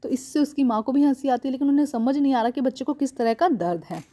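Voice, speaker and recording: A woman's voice: high voice, lively intonation, fast, dark tone. A woman teaching a class lesson on a Hindi one-act play, calling her students "beta" and restating each line in simple words.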